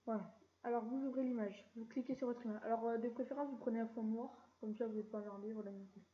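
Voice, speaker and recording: Woman, casual tutorial host, slightly high voice, relaxed slangy talk, dull lo-fi computer mic. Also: fast talker, a little hiss or hum. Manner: chatty, relaxed, keeps saying "voilà" and drops mild slang. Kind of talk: casual screen-recorded software tutorial.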